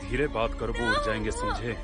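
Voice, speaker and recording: An actor playing a former guardian spirit who mocks and scolds, often dropping to a hushed voice. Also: male voice, lowish voice, a little fast, over loud music, close to an everyday voice. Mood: mocking. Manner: scolding and mocking, drops to hushed tones. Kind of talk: Hindi dub of a drama series.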